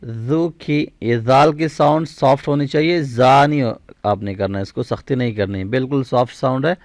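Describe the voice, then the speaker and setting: A male Quran teacher whose first language is Urdu, spelling out letters and vowel marks one syllable at a time in a slow, deliberate drill. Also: mid-range voice, no echo.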